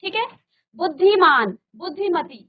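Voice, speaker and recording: A woman teaching a grammar lesson to a virtual class, slowly and patiently, repeating word pairs and asking the class questions. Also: extremely high pitch, lively intonation, narrow, tinny audio. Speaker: Hindi teacher. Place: studio.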